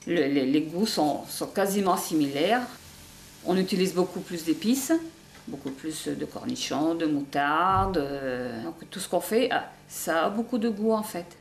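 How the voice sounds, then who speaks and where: A woman from northern France speaking earnestly in a documentary interview, halting and restarting her sentences. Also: sits low, expressive, slight background noise. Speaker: hospital nutrition workshop participant. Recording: echoey room.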